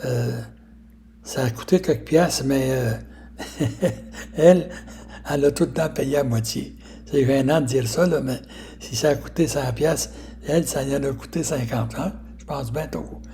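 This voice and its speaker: A man in his eighties with a Québécois accent, telling stories from his life in a rambling, halting way full of fillers and restarts. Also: medium pitch, warm tone, slight background noise. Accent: Québécois French. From Quebec. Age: 80s. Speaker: storyteller recounting his life. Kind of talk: casual life storytelling.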